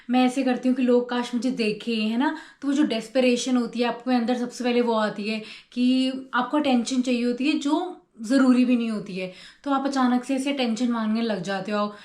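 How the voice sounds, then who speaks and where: A young woman gives a casual motivational talk to her channel's viewers. She explains her points through simple everyday examples. Her voice sits a little high and bounces around an echoey room. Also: a little mellow. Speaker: YouTube host.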